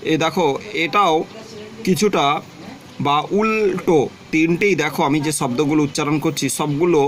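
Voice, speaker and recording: A man teaching a twelfth-grade grammar lesson, who explains slowly and says example words and definitions more than once. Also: a little high, fairly bright tone. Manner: explains slowly, repeats example words and definitions, often tells students to look.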